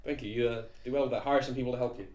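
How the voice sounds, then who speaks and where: A man in a tabletop game with a laid-back, plain-spoken manner and a middle pitch. The recording is echoey. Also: steady tone, racing, darkish tone. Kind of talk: tabletop role-play with friends.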